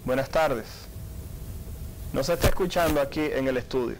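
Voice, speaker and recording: A man's voice: medium pitch, moderate pace, background noise. A man hosting a radio call-in health show, politely putting listener questions to a doctor. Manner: polite, apologetic about line problems. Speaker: radio talk show host.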